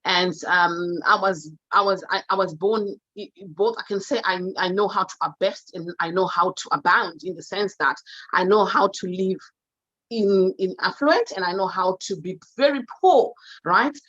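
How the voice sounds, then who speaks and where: Her mid-range, slightly bright voice moves at a moderate pace in lo-fi sound with no room sound. She's a Zimbabwean woman with a local accent, a guest wealth speaker delivering an unscripted, exuberant motivational talk full of emphatic repetition.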